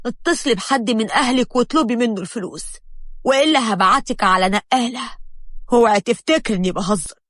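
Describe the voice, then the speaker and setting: A woman with an Egyptian accent voicing a grown male street thug who mocks and threatens, loud and dry. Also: on the high side, animated, fast, dry recording. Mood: threatening. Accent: Egyptian Arabic. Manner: sneering and threatening.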